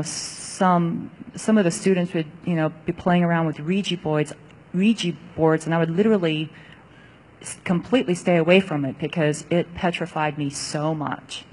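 A woman's voice: low voice, a little mellow. A woman from Taiwan, an audience member sharing a personal testimony, hesitant with many fillers.

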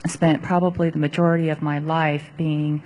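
A woman's voice: low-pitched, little pitch movement, normal speed, darkish tone. A woman from Taiwan, an audience member sharing a personal testimony, hesitant with many fillers.

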